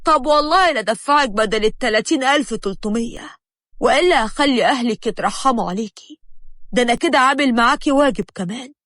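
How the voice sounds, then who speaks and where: A woman with an Egyptian accent voicing a grown male street thug who mocks and threatens, loud and dry. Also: fairly high pitch, expressive, fast, dry recording. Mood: mocking. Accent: Egyptian Arabic. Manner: sneering and threatening.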